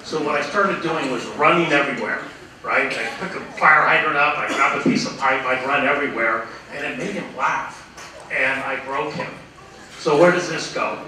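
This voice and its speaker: Accepting an award at a dinner in a large banquet hall, a sixty-something man with a bright, forceful, higher-pitched voice meanders through career anecdotes at a moderate pace. He peppers them with "uh," performs the voices he quotes, and the distant mic catches hall echo and room noise.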